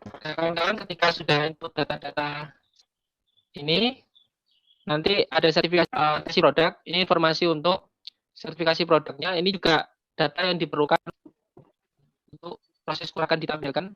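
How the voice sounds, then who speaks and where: A man giving an online product-form walkthrough, his audio choppy and breaking up from a poor connection, speaking haltingly with restarts. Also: on the high side, steady tone, sharp tone, dry recording. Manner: halting, with frequent restarts and filler sounds. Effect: choppy, breaking-up internet call audio. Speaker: online presenter demonstrating a product data form. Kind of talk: step-by-step webinar walkthrough. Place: remote location with a weak internet signal. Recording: muffled online call audio.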